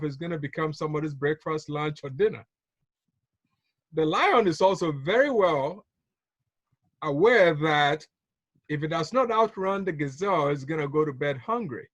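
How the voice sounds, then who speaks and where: This business trainer from Ghana has a high voice, captured in a dry recording. Speaking over a call, he gives a motivational business talk full of stories, repeated key phrases, and frequent chuckles.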